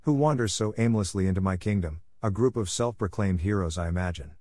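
A man puts on a haughty, taunting queen of the spiders for a spoken fantasy story, her menace carried by a deep, low voice. The sound is close and dry, with no room around it. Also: fairly quick, a little mellow, no room sound. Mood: menacing. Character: menacing female spider queen, cruel and mocking.

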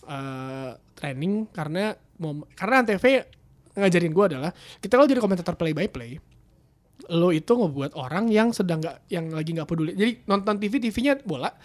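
A man's voice: high voice, expressive, normal speed. A man, a football commentator chatting casually on a podcast, rambling with restarts and fillers. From Indonesia.

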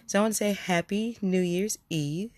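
A podcast host, audibly stuffy and congested from a cold, rambles through a heartfelt solo episode, repeating words as he goes. The voice is medium in pitch and a little mellow, moving at a moderate pace, in a dry recording of a casual monologue.

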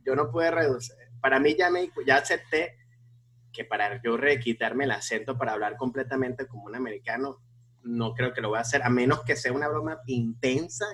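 A man, a stand-up comedian, talking casually with lots of restarts and fillers. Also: medium pitch. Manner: animated, many restarts and fillers. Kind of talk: casual conversation.

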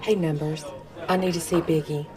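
A woman's voice: low voice, steady tone, normal speed, crowd noise, natural voice. A woman playing a tough, no-nonsense underworld figure in a 1930s gangster radio drama. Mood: stern, probing.

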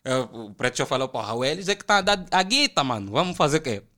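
A young man from Angola with an Angolan Portuguese accent, telling animated, slangy stories as a podcast guest. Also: on the high side, fast talker. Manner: animated, slangy, acts out quoted voices. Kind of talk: casual storytelling chat.

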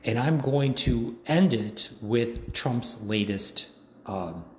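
A hoarse man giving a rambling, indignant political monologue, full of ums and uhs. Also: medium pitch, lively intonation, slow, darkish tone. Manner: rambling, indignant ranting with many fillers. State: hoarse from long talking. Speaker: political commentator. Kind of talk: casual monologue. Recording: echoey room, faint background noise.

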